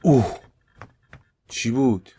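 Male gaming YouTuber with an Iranian Persian accent, let's-play commentary. Average pitch. Alternates panicked shouts and low, tense whispers. Faint hiss and clicks in the background. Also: expressive. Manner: jumps from loud panicked yelps to hushed tense muttering.

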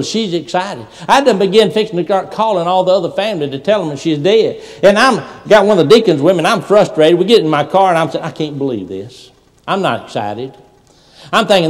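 A man preaching a sermon as a pastor, telling stories and swinging from loud preaching to soft asides. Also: on the high side. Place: large church sanctuary. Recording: long hall reverb.

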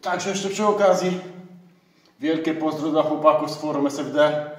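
A man's voice: on the high side, normal speed. A middle-aged man talks through his workout in a small home gym, upbeat and chatty. He is picked up by a camera mic set back from him, so his voice sounds a little distant. The hard walls give it a roomy ring. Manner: chatty, upbeat, breaks off with loud exclamations between sets. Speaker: fitness vlogger. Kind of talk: casual workout vlog.

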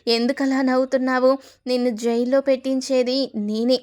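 A woman's voice: sits high, level tone, moderate pace, a little mellow, natural voice. A woman voicing an angry, righteous young daughter who accuses and scolds her mother in a storybook reading. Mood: accusing.

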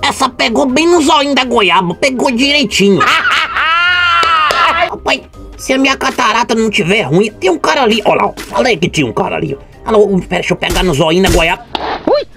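A man giving excited gameplay commentary, making shooting sound effects and exclaiming as he plays. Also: high-pitched, quick pace, creaky. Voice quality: lively, exclaiming, calls shots with sound effects. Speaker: gaming streamer. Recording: game music behind voice.

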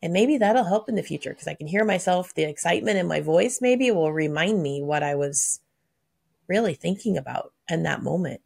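A woman co-hosting a podcast, answering questions with excitable stories and acting out her own thoughts in a chatty way. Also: on the low side, brisk, vocal fry, slightly rough. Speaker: podcast co-host. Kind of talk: conversational podcast talk.

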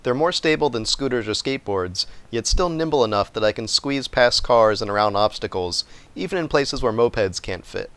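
A man's voice: mid-range voice, lively intonation, moderate pace, few pauses, a bit bright, clean tone. A man in his thirties with an American accent, delivering scripted explainer narration as a video reviewer. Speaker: vlogger and product reviewer.

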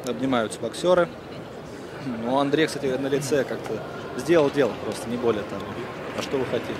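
A man's voice: medium pitch, brisk. A man giving conversational live sports commentary as a boxing co-commentator. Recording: loud crowd noise behind commentary. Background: loud arena crowd.

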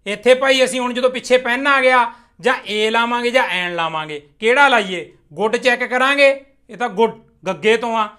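A young male English teacher from Punjab gives a spoken English lesson explained in Punjabi. His voice is high and bright, and he patiently explains step by step. When modelling English example sentences, he slows right down and says them deliberately.

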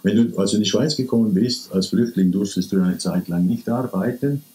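A middle-aged man with a Swiss German accent hosting a casual interview, asking quick, curious questions at a table in a small room. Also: on the low side, dark tone. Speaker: host. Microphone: camera from a few meters.

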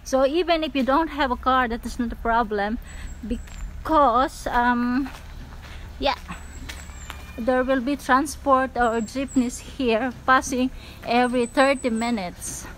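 A woman's voice: high voice, fairly even intonation, slow, fairly bright tone, slight background noise, rough recording. A Filipino woman in her forties with a Filipino accent, giving a casual walking tour outdoors, recorded on a phone held at arm's length, chatty and full of "so" and "guys". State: sweaty from walking. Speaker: real estate vlogger. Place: outdoors on rural lanes and overgrown land. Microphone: phone camera at arm's length.

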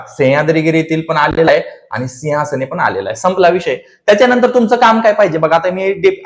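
High-voiced joking male tutor. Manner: chatty and joking, self-mocking asides. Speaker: teacher. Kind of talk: casual exam-prep grammar lesson. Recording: echoey room.

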